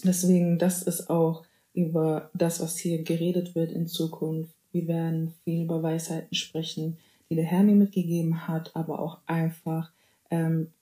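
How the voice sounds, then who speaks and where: A woman's voice: deep voice, little pitch movement, moderate pace, mellow, roomy sound. A woman in her twenties hosting a casual solo podcast, chatty and playful, mixing German with English phrases and dropping in amens. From Germany (Bavaria). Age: 20s. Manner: praise interjections like amen and hallelujah. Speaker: podcast host.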